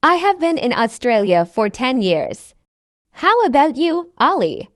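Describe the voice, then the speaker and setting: A woman reading a slow, high, lilting learner. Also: sing-song, no room sound, clean studio sound. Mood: friendly. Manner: slow, carefully enunciated, each line said twice. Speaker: dialogue reader. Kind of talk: scripted practice dialogue for English learners.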